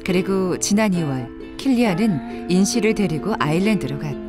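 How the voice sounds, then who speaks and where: A woman narrates a documentary in a measured manner, with a somewhat low voice. Her pitch rises and falls a great deal. Background music plays clearly under her narration. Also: expressive.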